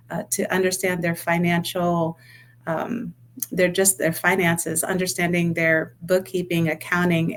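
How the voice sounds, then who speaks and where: A woman past sixty from New York City speaks as a guest, with a somewhat low voice. She is warm and grateful, and leans on little uhs as she goes. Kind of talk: casual interview talk.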